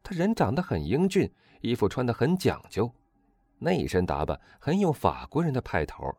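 Guy doing a vain young dandy in an audiobook, loud and high, showy, bouncy voice. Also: huge pitch swings, normal speed, slightly rough, dry recording, full character voice. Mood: boastful. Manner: loud exuberant high-pitched chatter. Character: vain excitable young Parisian dandy, man, boastful.

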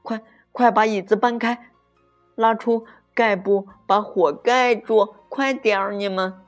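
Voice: mid-range voice, sing-song, takes it slowly, soft background music, voice pushed up. A storyteller voicing a bossy young girl rabbit who gives prim, commanding orders in the kitchen. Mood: urgent.

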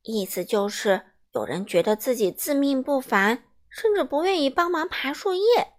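A woman voicing a cheerful, curious young male character in a children's storybook, eager and bright. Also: sits high, lively intonation, normal speed. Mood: earnest.

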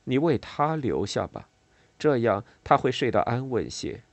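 A man's voice: very animated, measured pace, no room sound. Man putting on a despairing young mother. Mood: pleading. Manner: high strained voice, sharply raised pitch. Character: anxious young mother, brusque and despairing woman.

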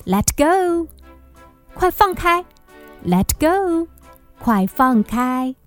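A woman's voice: sits high, big pitch swings, extremely slow, faint music behind, voice pushed up, exaggerated voice. A woman voicing a young owner calling playfully to a naughty puppy, sing-song, as when reading a storybook to a toddler.

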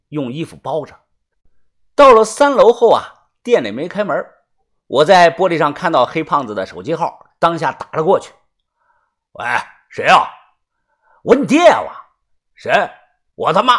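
A man telling a first-person story for an audiobook with a husky, slightly raspy voice. His pitch sits a little high and moves a lot. He talks in a chatty, relaxed way, stretching out small filler syllables. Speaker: audiobook narrator.

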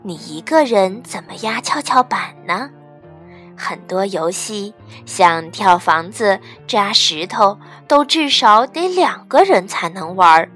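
A woman voicing a gentle mother bear in a storybook reading, speaking softly, calmly and patiently. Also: mid-range voice, unhurried, few pauses, faint music behind. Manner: calm, soft and patient.

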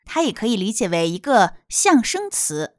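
A woman teaching small children a nursery rhyme in a gentle, clear way. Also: medium pitch, big pitch swings, normal speed, no room sound, clean studio sound.

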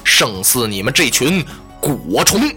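A storyteller voicing an arrogant, scornful scholar in a slow, lofty, drawn-out manner. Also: male voice, medium pitch, sing-song, sharp tone, faint music behind, pitched below the performer's own voice, full character voice.

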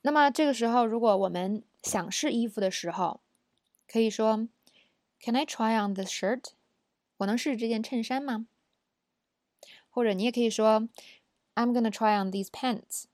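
A woman's voice: a little high, moderate pace, pauses often, darkish tone, no echo. Woman teaching phrases, dry sound. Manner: patient, conversational, with many fillers and tag questions. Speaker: English teacher. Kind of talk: explaining English phrases for shopping.

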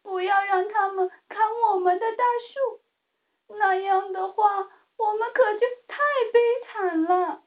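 A woman's voice: extremely high pitch, fairly even intonation, pitched above the performer's own voice. A woman voicing frantic little birds begging for help in a children's storybook, over a tinny phone-like line. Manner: frantic, hurried, pleading. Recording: tinny phone-like home recording.

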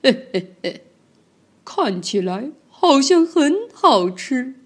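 A woman voicing a sly, hungry predator dinosaur who sneers and chuckles slowly. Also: high-pitched, big pitch swings, voice pushed up, exaggerated voice.

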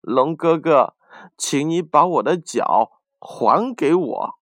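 A man's voice: on the high side, animated, slow, a bit bright, no room sound, clean studio sound, pitched above the performer's own voice. A man doing an indignant old rooster. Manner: polite, firm. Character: old male rooster, polite but indignant.

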